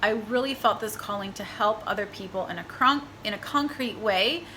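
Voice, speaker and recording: In a mid-range, bright voice with a forceful tone, a young military spouse from Texas, USA, introduces her vlog at a moderate pace. She's upbeat and chatty with light laughs, and the recording carries a little hiss or hum.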